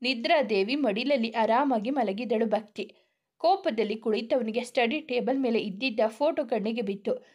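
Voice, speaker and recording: A woman narrates a romantic family story with a fairly high voice. She reads it steadily, like a prepared script, and voices each character's lines in much the same voice. The telling stays calm and even throughout. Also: normal speed.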